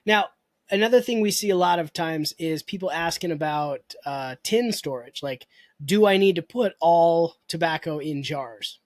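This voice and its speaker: A man's voice: on the high side, normal speed, dry recording. A man co-hosting a podcast in casual chat, easygoing and reassuring, asking his co-host questions.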